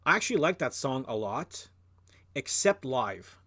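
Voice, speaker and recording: A man's voice: medium pitch, very animated, a little slow, bright, forceful tone. A man with a Canadian French accent hosting a music show, chatting casually and bluntly, with rambling asides and swearing. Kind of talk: casual opinionated chat.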